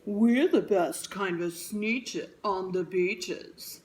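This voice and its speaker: A woman's voice: mid-range voice, very slow, darkish tone, slight background noise, poor audio. A woman voicing a proud, snooty storybook creature that boasts haughtily. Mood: snooty bragging.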